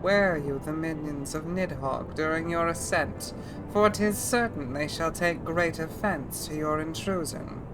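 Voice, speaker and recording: A woman voicing a throaty, raspy older dragon. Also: low voice, unhurried, over music, poor audio. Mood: solemn warning. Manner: formal, archaic, stately. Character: solemn ancient dragon guardian, throaty older female.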